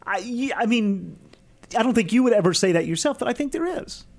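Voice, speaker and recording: A man's voice: high voice, expressive, fairly quick, creaky. A man interviewing a colleague, asking reflective, leading questions. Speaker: radio interviewer.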